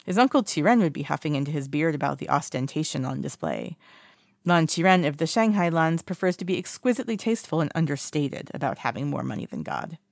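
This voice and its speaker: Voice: medium pitch, big pitch swings, fast talker, gravelly, no echo, studio quality. A narrator reading fan fiction aloud in a casual way, with small slips and self-corrections.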